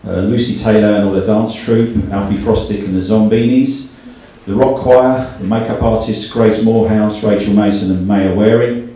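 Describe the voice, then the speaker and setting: Reading names and thanking people, a middle-aged man who directs a company hosts an event in a hall. His mellow voice sits on the low side and stays steady at normal speed with hardly any pauses. The recording is very echoey, with the microphone well away from him.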